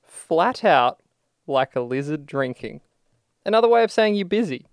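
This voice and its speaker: A man's voice: on the high side, big pitch swings, normal speed, no room sound. An Australian man co-hosting a podcast, chatting casually in a wry, joking, colloquial way. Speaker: podcast co-host. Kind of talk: casual chat.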